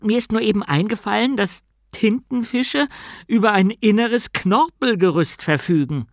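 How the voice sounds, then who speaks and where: A man's voice: high voice, normal speed, no room sound, studio quality, pitched above the performer's own voice. A man voicing a simple, anxious young male novice who talks in a bewildered, earnest way in an audiobook.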